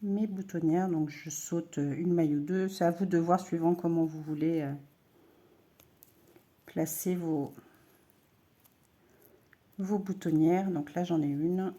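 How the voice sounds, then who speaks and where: A woman's voice: lowish voice, takes it slowly, long pauses. A woman giving a patient, step-by-step knitting tutorial, talking her viewers through each stitch with small hesitations. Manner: calm, patient instruction with frequent "hop" and hesitations. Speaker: host of a knitting and crochet channel.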